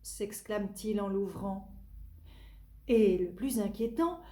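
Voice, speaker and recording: A woman reading a picture book aloud to small children in a sing-song, expressive way, addressing them directly and stressing words dramatically. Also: mid-range voice. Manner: expressive, slow dramatic emphasis. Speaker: storyteller for young children. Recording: echoey room.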